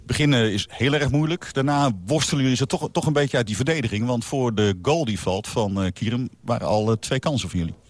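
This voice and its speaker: A man's voice: mid-range voice, a little fast, few pauses, no room sound. A man, a sports reporter, asking short direct questions in a post-match interview.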